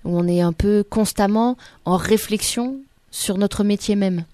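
A woman's voice: medium pitch, measured pace, mellow, no echo. A woman, an actress, answering questions in a radio interview, hesitant and full of restarts. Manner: hesitant, many restarts and fillers. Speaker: actress, guest.

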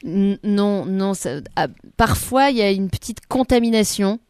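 A woman's voice: mid-range voice, lively intonation, measured pace, darkish tone, clear, resonant tone, no room sound, clean studio sound. A woman, an actress, answering questions in a radio interview, hesitant and full of restarts. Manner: hesitant, many restarts and fillers. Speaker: actress, guest.

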